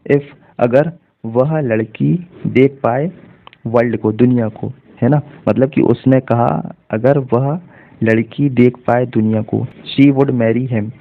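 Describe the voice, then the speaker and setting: A man teaching English reading in Hindi, spelling each word letter by letter and then explaining its meaning. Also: mid-range voice. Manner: spells words letter by letter, then translates slowly. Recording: tinny phone-like audio.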